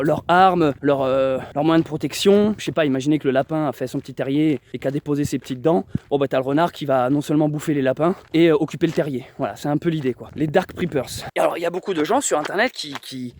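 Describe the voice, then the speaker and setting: A man's voice: a little high, darkish tone, slight background noise. Rambling young man vlogging outdoors. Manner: rambling, restarts, addresses viewers directly. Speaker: survivalist vlogger. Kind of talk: casual vlog to camera. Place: outdoors by his bunker and orchard. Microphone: handheld camera.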